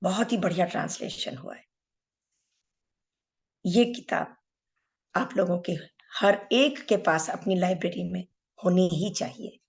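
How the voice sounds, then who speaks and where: A middle-aged woman, a meditation teacher, giving a spiritual talk, telling a story in an unhurried, earnest way and speaking directly to her listeners. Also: on the low side, vocal fry, darkish tone.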